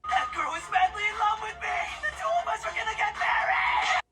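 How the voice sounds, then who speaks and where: Zenitsu, a shrill panicky anime boy. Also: fairly even intonation, brisk, recorded from a distance. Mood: lovestruck. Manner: shrill, whiny shouting. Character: panicky cowardly teenage boy demon slayer. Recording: anime audio with music score behind.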